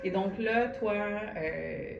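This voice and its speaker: A woman's voice: mid-range voice, very slow, gravelly, lo-fi sound, loud music behind the voice. A woman with a Québécois French accent hosting a radio show, attentive, backing up her guest with short affirmations. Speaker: radio host. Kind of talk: radio interview. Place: radio studio.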